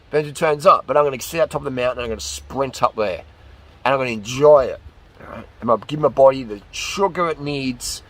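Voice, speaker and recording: A man giving a casual, opinionated monologue as a fitness vlogger, talking in an excitable, slangy, ranting way. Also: mid-range voice.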